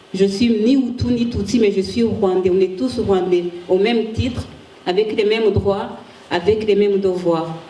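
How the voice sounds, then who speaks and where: Woman presenting research at a conference, warm and mellow, often pausing and restarting; recorded from afar in a reverberant room. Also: medium pitch. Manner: halting, frequent restarts while searching for words. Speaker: conference speaker, ethics researcher. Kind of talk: academic conference talk with slides. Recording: echoey room, distant mic, faint hiss.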